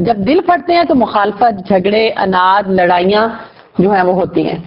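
A woman teaching a class, explaining word roots, quizzing her students and praising their answers. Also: medium pitch. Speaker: Quran vocabulary teacher. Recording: dull lo-fi recording.

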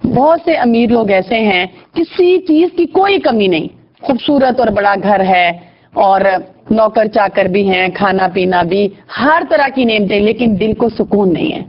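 A woman's voice: mid-range voice, animated, dull audio. A woman teaching a religious lesson to girls, asking rhetorical questions and often adding tag questions.

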